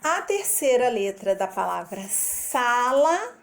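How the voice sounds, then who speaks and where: Slow, careful woman teacher. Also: fairly high pitch, big pitch swings, vocal fry. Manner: slow, careful syllable-by-syllable explanation. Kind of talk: recorded literacy lesson for teachers.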